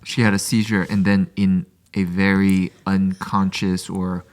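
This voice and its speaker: A woman co-hosts a casual podcast, and her voice is unusually low and deep for a woman. She mostly chips in with short reactions and brief follow-up questions. She keeps her remarks quick. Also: level tone, a little mellow. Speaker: podcast co-host. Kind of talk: casual chat.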